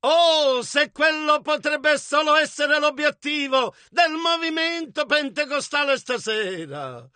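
A man interprets a sermon phrase by phrase in a very high, bright voice. He speaks slowly and with emphasis, shouting where the preacher shouts, and the sound is close and dry. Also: lively intonation, no room sound.

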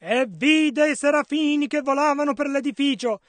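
Man, sermon interpreter, dramatic delivery, very high voice. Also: normal speed, fairly bright tone. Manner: echoes the preacher's dramatic delivery.

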